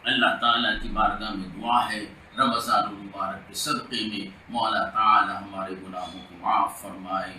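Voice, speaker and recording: A man, an imam from India, leading a Friday sermon supplication in slow, drawn-out chanted lines, recorded in a mosque. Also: lowish voice, level tone, sharp tone, echoey room, recorded from a distance, slight background noise, poor audio.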